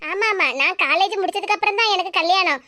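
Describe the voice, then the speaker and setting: A woman voicing a stubborn college-age bride with a Kanyakumari Tamil accent in an animated cartoon. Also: extremely high pitch, fast, no echo, studio quality. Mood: firm.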